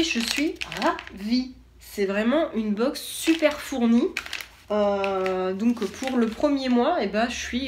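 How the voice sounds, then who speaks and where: A woman's voice: a little high, background noise. A woman vlogger chatting casually and enthusiastically as she unboxes products, with lots of hesitation fillers.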